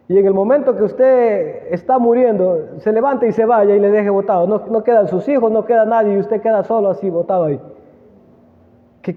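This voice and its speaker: A man with a very high voice preaches a sermon, stopping often to put questions to the congregation. His words ring out with a long reverb in a big room. The sound is thin and tinny, like a phone line. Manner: asks the congregation questions, slow emphatic reading.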